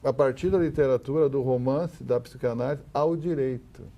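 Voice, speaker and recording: A man with a Brazilian accent appears as an academic guest on a discussion panel, explaining things haltingly and often repeating words. His voice is medium-pitched with a warm tone.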